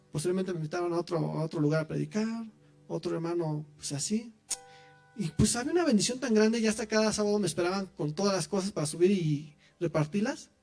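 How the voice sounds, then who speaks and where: A man giving his testimony in church, telling his story in an animated way and speaking straight to the listeners. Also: high-pitched. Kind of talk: preaching testimony.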